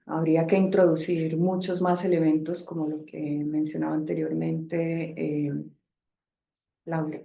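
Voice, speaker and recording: A woman speaker answering a question in an academic seminar, measured and explanatory. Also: deep voice, level tone, gravelly, dark tone, a little hiss or hum. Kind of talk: academic reply in a debate. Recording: echoey room, dull sound.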